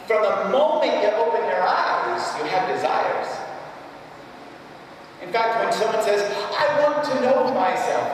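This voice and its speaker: A man in his fifties with a fairly high voice delivers a live keynote of storytelling religious teaching in a large, very reverberant hall before an audience. He is emphatic and halting, repeating key phrases for weight and posing rhetorical questions. The distant mic picks up heavy echo and faint noise.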